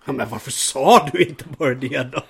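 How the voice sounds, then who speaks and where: A man's voice: mid-range voice, creaky, slightly rough. A man acting as a guest player in an improvised role-play game, speaking hesitantly with stumbles.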